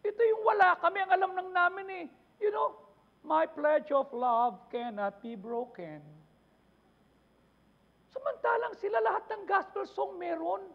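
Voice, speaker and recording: Man, pastor, impassioned sermon, high voice, gravelly, muffled church recording. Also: sing-song, unhurried. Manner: impassioned preaching mixing Tagalog and English, repeated rhetorical questions.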